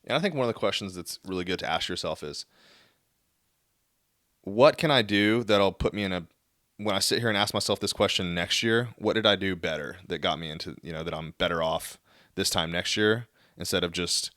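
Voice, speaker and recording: A man's voice: sits low, brisk, fairly bright tone, no room sound, studio quality. A man co-hosting a podcast, talking earnestly and rambling through his thoughts. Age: 30s. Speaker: podcast co-host, golf fitness coach. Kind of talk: casual podcast chat.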